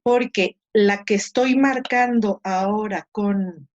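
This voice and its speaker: Slow woman teaching Latin accents. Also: mid-range voice, muffled recording. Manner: slow, spells out Latin words syllable by syllable; corrects herself aloud while marking slides. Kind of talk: online class lesson.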